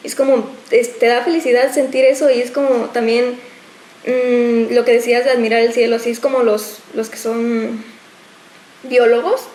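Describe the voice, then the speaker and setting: A woman's voice: on the high side, little pitch movement, moderate pace, warm tone. A woman, a dance teacher co-hosting a podcast, chatting casually with many fillers. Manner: chatty, full of fillers like "o sea". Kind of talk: casual group chat. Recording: echoey room with faint noise.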